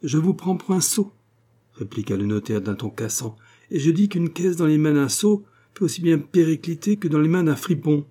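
A man's voice: on the low side, expressive, moderate pace, dark tone, breathy edge. A man voicing a cold, sarcastic small-town notary in an audiobook, speaking in an icy, cutting, ironic tone. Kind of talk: audiobook character reading.

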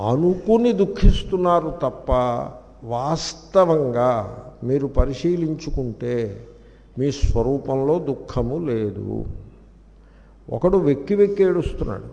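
A man giving a scripture discourse as a spiritual teacher, acting out dialogue in quick anecdotes, in an echoey hall recording of poor quality. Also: medium pitch, gravelly, dark tone, muffled recording.

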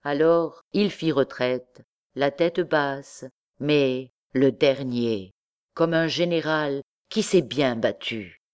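A woman narrating a classic novel as an audiobook in a measured, steady way. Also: extremely low pitch, clear, resonant tone.

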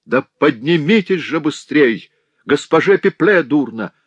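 A man voicing a mysterious male stranger who calls down a stairwell in a piercing, shrill and insistent voice, in a storybook reading. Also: big pitch swings, moderate pace, dry recording, lo-fi sound. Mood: urgent calling. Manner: urgent, insistent shouting. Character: mysterious shrill male voice calling from upstairs, pushy.

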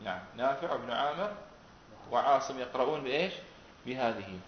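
A man's voice: medium pitch, lively intonation, brisk, crowd noise. A man teaching a Quran recitation class, asking his students questions and repeating their answers. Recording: roomy, dull recording with faint noise.

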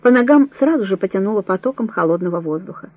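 A woman narrating an audiobook in a measured, even storytelling manner, with a husky voice. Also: mid-range voice, dry recording. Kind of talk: scripted narration. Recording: dull lo-fi dry recording.

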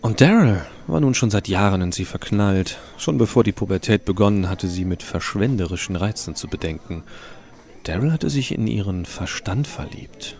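A man playing a geeky, cheeky teenage boy who tells his story in colloquial, expressive first-person audio drama narration. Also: lowish voice, normal speed. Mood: wry, animated.

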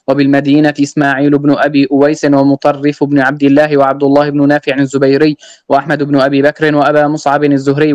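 Man reading a classical text in a slow, even voice. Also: mid-range voice, no room sound, dull audio. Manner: slow, even reading, chanting verses, restarting on slips. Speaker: student reading the text aloud. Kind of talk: measured reading of a classical text with Quranic recitation.

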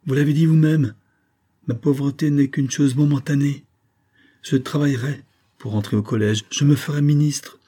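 A man's voice: fairly low pitch, normal speed, mellow, slightly rough. A man voicing a shy, lovesick young schoolmaster in an audiobook, pouring out his feelings. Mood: passionate. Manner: passionate, trembling.

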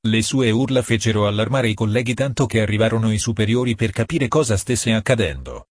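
A man narrating a novel as an audiobook, in a steady reading manner. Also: on the low side, brisk, breathy edge, no room sound, studio quality. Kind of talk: storybook narration.

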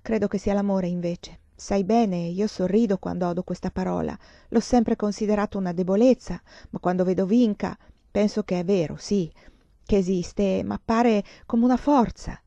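A woman's voice: medium pitch, fairly even intonation, normal speed, vocal fry, mellow, no room sound, close to an everyday voice. A woman reading the lines of a serious, thoughtful young female student in an earnest, reflective way.

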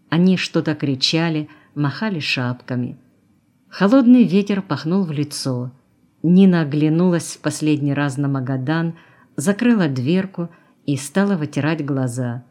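Woman, audiobook narration, even, measured reading. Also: sits low.

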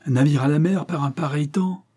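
An anxious, excitable army lieutenant, as a male narrator puts him on, his voice climbing high when hope flares. He talks urgently through a husky, warm tone, in a storybook reading. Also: normal speed. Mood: excited. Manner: urgent, rising to excited exclamations.

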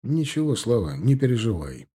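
A seasoned, commanding Russian officer, read by a man who barks clipped orders to his ranks. The voice sits dark and mellow, raised to a firm shout for each command, and it is part of a storybook reading. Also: medium pitch, very animated, moderate pace, husky. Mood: calm, steady.

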